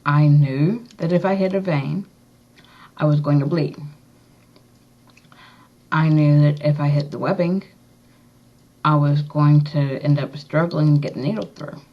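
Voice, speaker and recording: A woman chatting casually in a rambling, halting, matter-of-fact way, talking with a slightly swollen tongue. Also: deep voice. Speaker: vlogger. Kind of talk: casual chat to camera, piercing update. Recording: dull, lo-fi recording.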